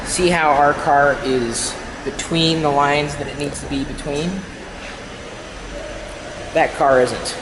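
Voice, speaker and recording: A man's voice: on the high side, fairly even intonation, slow pace, long pauses, background noise. A man hosting a casual food vlog, chatty as he describes dishes and teases in playful banter. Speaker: vlogger. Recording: music playing behind.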